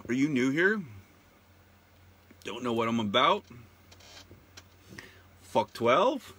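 A man's voice: mid-range voice, pushed and bright, breathy edge. A man hosting his own show, delivering a profane, indignant and sarcastic ranting monologue that hammers its words through repetition. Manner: repeats words heavily for emphasis. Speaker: show host.

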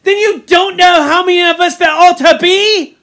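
A woman's voice: steady tone, normal speed, fairly bright tone. A woman voicing an indignant, panicky young schoolboy who whines and scolds in ungrammatical English for a storybook reading. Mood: aggrieved protesting. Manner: ungrammatical, shrill protesting tirade.

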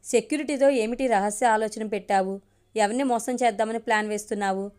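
A lazy, blustering middle-aged man who threatens and shouts down others, played by a woman reading. The voice sits a little high. It is a spoken storybook. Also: a little fast, clean tone, natural voice. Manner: angry, threatening.

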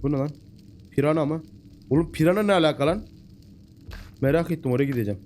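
A man giving casual, excitable let's-play commentary, chatting away and talking to the animals in the game. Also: on the high side, fast talker, a little hiss or hum. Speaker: gameplay commentator.

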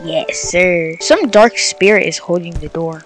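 Slow-paced, muttering young teenage boy gamer. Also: sits high, soft background music. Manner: slangy, muttering. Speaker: gaming video host. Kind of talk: casual horror game commentary. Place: bedroom. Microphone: headset mic.

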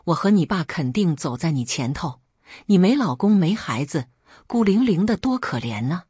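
A woman's voice: on the low side, very animated, moderate pace, warm tone, breathy edge, no room sound, clean studio sound, full character voice. A woman reading the lines of a sorrowful, coaxing middle-aged mother in a spoken story.

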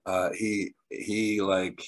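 A man preaching a sermon, telling stories with bursts of excitement, laughter and quieter asides. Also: deep voice, very slow, low-quality recording. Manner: animated storyteller, laughs often, jumps between loud excitement and quiet asides.

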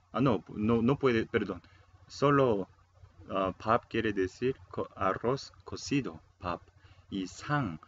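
Guy teaching a casual online lesson in spanish, super slow, repeats stuff, lo-fi sound with faint hiss. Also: fairly low pitch. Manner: unhurried, explains step by step, repeats words, frequent "eh". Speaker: Korean language teacher. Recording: dull lo-fi sound, faint noise.

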